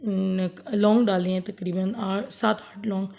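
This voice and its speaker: A woman with a sore, hoarse throat giving a rambling, homely cooking demonstration for her vlog. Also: mid-range voice, steady tone, measured pace, warm tone. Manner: homely, rambling, self-correcting explanations. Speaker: cooking vlogger. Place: home kitchen, later outdoors under a fan.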